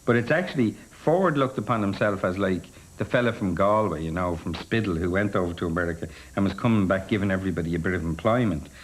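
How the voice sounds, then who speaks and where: This is a deep-voiced Irish man in an interview. He talks loosely and circles around his point, trailing off and restarting as he thinks. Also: fast talker, hardly any pauses, poor audio. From Ireland. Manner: musing, loose, full of hedges. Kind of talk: documentary interview.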